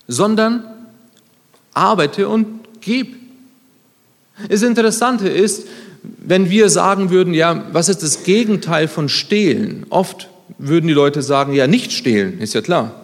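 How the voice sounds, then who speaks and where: Animated preacher in a reverberant hall. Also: male voice. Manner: lively, shifts between loud emphatic and quiet low lines; conversational, self-deprecating asides. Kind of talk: sermon.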